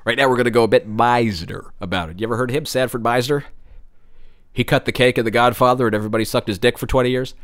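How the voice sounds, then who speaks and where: A man hosting and directing an improvised comedy scene in a theatrical, animated way. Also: medium pitch, fast. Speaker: comedy sketch host.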